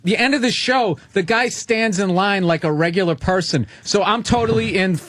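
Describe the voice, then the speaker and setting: A man's voice: high-pitched, moderate pace, no room sound. A man telling a comic story in casual radio banter, acting out what people said. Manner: animated storytelling, acting out quoted lines. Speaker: comedian guest on radio talk show.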